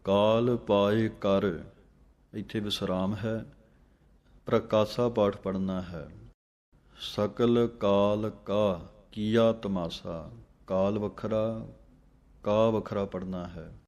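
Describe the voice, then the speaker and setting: Man, recitation teacher, very slow delivery, flat even tone, chants lines then explains pauses. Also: lowish voice, lo-fi sound. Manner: chants each line slowly, then explains where to pause.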